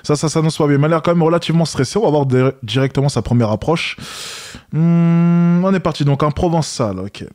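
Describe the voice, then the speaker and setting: A man's voice: on the high side, brisk, a little mellow. A man hosting a reaction video, commenting and coaching his viewers directly.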